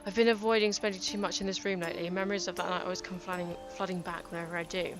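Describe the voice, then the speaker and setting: A woman's voice: on the low side, little pitch movement, natural voice. Woman reading as a grieving young detective. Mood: somber. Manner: somber inner monologue, read aloud haltingly. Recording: game music behind.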